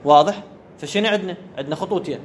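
A man's voice: high voice, racing, a little hiss or hum. A man giving a classroom grammar lecture, often checking whether his students follow and repeating the key words. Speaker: teacher of Arabic grammar.

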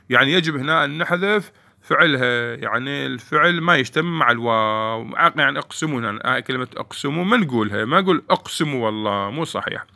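Gravelly man teaching grammar. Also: mid-range voice, pushed and bright. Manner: explains step by step, asks the class questions and answers them himself. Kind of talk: Arabic grammar lesson.

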